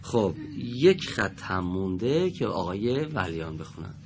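A man teaching Quran recitation to a class, patiently correcting and praising students and slowly modeling the verses. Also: low voice, sing-song, creaky, slight background noise. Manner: drawn-out slow recitation when modeling verses. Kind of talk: classroom lesson with students reading aloud.

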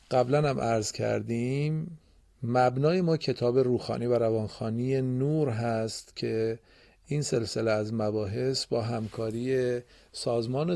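Male radio teacher, warm mellow tone, patient and encouraging, quizzes pupils in the studio. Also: medium pitch, creaky. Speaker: Quran reading teacher and radio host. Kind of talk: radio classroom lesson.

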